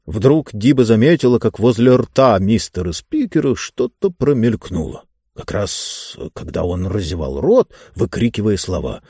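Man, audiobook narration, wildly animated pitch, dry close sound. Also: unhurried, husky, no echo. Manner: highly expressive storytelling.

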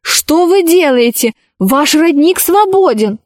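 A woman reading a children's story aloud, voicing a level-headed girl who scolds and reasons calmly. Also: sits high, a little slow, no echo, clean studio sound. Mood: alarmed.

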